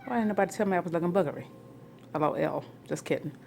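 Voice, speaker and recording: A woman in her forties with a fairly low voice rambles on in a home vlog, chatty and loose. Her talk jumps to loud, excited peaks, and a faint hum sits behind her. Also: rapid-fire, vocal fry. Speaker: family vlogger. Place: home, near the kitchen.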